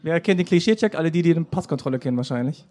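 A man's voice: on the high side, expressive, rapid-fire, darkish tone. A man hosting a live podcast interview on an outdoor festival stage, casual and playfully teasing his guest. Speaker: podcast host.

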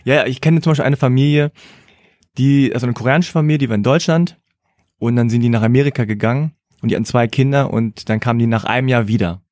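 A man chats casually and tells anecdotes at a steady, measured pace. His voice is mid-pitched and recorded close and dry. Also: no echo. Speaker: conversation partner. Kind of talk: casual chat.

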